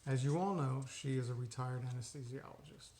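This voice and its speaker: Deadpan gravelly man roasting his wife. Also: mid-range voice, a little fast. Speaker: husband giving a birthday tribute. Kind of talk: deadpan roast turned heartfelt tribute.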